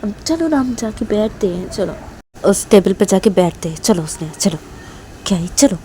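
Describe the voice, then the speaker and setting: A woman's voice: mid-range voice, lively intonation, moderate pace, dark tone, a little hiss or hum, natural voice. A woman voicing a flustered young woman who defensively brushes off her girlfriend's anger with whiny questions.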